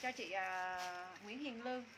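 A woman's voice: medium pitch, measured pace, noisy background. A woman in her thirties selling clothes live, with informal, repetitive sales patter aimed at customers. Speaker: live-stream clothing seller. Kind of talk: live sales chat, pitching items and calling out customers. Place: small indoor room with curtains.

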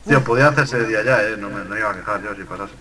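A man's voice: on the low side, very fast, crowd noise, poor audio. A man giving casual gameplay commentary with a friend, rambling, joking and swearing a lot. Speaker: gamer co-host.

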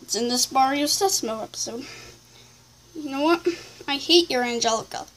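High-pitched woman reading comments aloud. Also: a bit bright, poor audio. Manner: halting, rambling delivery with self-corrections. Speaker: video creator reading viewer comments aloud. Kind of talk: casual read-aloud vlog with off-the-cuff replies.

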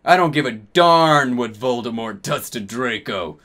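A man's voice: mid-range voice, expressive, a little slow, fairly bright tone. A man voicing a cranky, spiteful old male wizard headmaster in a comedic dramatic reading, snappish and sneering. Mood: mean, scornful.

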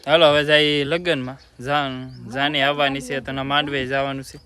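Man, Gujarati accent, casual vlog chat, teasing, quick. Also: mid-range voice, level tone, sharp tone, slight background noise. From Gujarat, India. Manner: chatty, teasing, quick talking. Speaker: vlogger.

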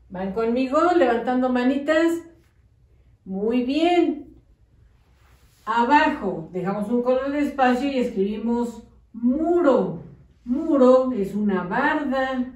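Slow, patient teacher woman in echoey room. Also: on the high side, a little mellow, dull audio. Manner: patient, drawn-out syllables, coaxing children to follow. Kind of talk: slow early-literacy lesson. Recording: echoey room, mic at a distance.

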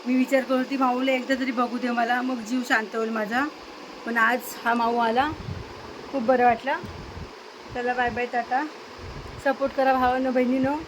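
High-voiced woman cooing at her cats. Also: little pitch movement, moderate pace, pauses often, background noise. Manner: coaxing, cooing baby talk to pets. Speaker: vlogger. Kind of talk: casual vlog talk to her cats. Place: home with pets.

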